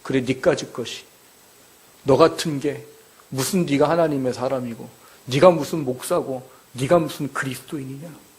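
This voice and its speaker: A sneering male devil who heaps contempt on the listener, put on by a man in the middle of a sermon. He sounds belittling and accusing. His voice sits at an ordinary middle pitch. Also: moderate pace, lightly acted. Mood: scornful.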